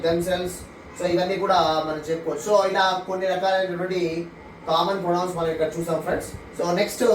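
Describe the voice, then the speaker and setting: A man with a Telugu accent teaches an English grammar lesson in a high voice. He reads the definitions slowly and then explains them quickly. The recording is echoey and distant, with a faint hiss.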